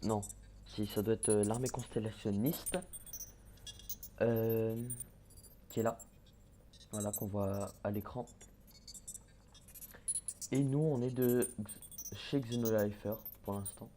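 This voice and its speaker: A young gaming YouTuber with a fairly low, dark voice gives casual let's-play commentary, hesitant and full of fillers and restarts while muttering to himself as he plays. Faint background noise is audible.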